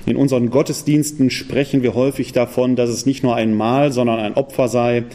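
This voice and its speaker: A man from the Ruhr area delivers a public lecture with a mellow, warm tone. He talks quickly and presses his points home with rhetorical questions. His pitch sits in a middle range. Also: steady tone. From Ruhr area, Germany. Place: parish hall.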